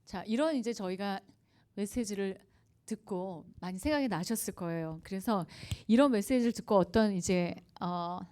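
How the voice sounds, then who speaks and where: A woman's voice: medium pitch, normal speed, a little mellow. A woman giving a conversational lecture at a church revival meeting, telling anecdotes, questioning the audience and laughing often. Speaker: guest speaker at a revival meeting. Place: church service before a congregation.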